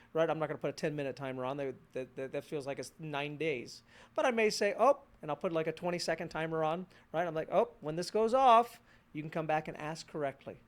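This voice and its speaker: High-voiced man preaching conversationally. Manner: conversational preaching, acts out child and parent voices. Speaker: pastor. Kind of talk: sermon.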